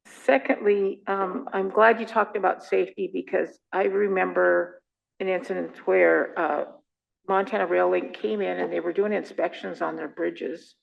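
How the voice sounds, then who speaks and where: A woman's voice: fairly low pitch, fairly even intonation, moderate pace, vocal fry, highs cut off. A woman council member giving earnest, rambling remarks at a meeting.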